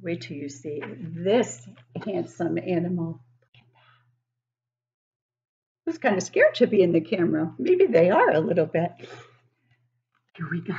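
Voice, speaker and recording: An older woman teacher gives an animated, slow-paced read-aloud of a picture book for young children indoors in her living room. Her low, gravelly voice is expressive and exaggerated, and she poses questions to her listeners. The recording is muffled.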